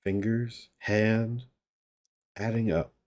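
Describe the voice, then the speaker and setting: A man's voice: fairly low pitch, little pitch movement, very slow, darkish tone, voice pushed up. A man voicing an earnest, simple young male watchman who guesses eagerly and sounds puzzled, in a read-aloud story. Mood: eager guessing.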